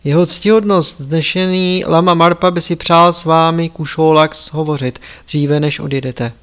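A man's voice: fairly high pitch, fairly even intonation, a bit bright, clear, resonant tone, natural voice. A man reading the part of a young monk delivering a message formally. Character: young male monk messenger, dutiful.

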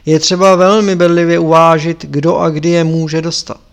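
A man's voice: fairly high pitch, level tone, creaky. A man reading the part of a stern elderly lama teacher, solemn and commanding.

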